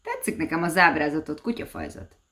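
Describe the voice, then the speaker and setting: Egy ravasz, gúnyolódó ördög egy mesekönyvből, akit egy nő szólaltat meg: harsány, élénk csúfolódással szól, kissé magasabb hangon. Sértegetve, mégis barátkozva beszél. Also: female voice, deep voice, wildly swooping pitch, heavily acted. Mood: taunting. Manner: taunting, name-calling, loud outbursts. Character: sly mocking male devil, insulting yet friendly.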